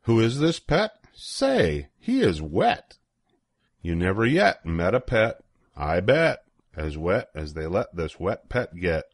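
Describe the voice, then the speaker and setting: Older male storybook reader, lowish voice, very animated, dry close sound. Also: slow pace, dry recording. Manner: playful, sing-song rhythm with swooping emphasis. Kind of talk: expressive read-aloud of a children's rhyming picture book.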